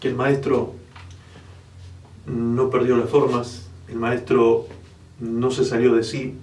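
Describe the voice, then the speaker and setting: A man's voice: mid-range voice, little pitch movement, slow, a little mellow, roomy sound, recorded from a distance. A male pastor preaching a sermon with drama. He acts out the Bible characters and often asks his listeners if they follow. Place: church hall.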